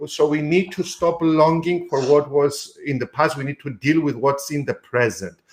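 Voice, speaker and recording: A man's voice: fairly high pitch, normal speed, darkish tone, a little hiss or hum. A man hosting a live-streamed mentoring show from a room at home, coaching guests on sales in an instructive way with frequent fillers.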